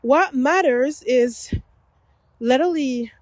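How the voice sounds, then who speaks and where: A French-speaking woman hosts an unedited solo podcast while walking a forest path outdoors, rambling, correcting herself, and laughing often. Her voice is high and slow, with no room sound.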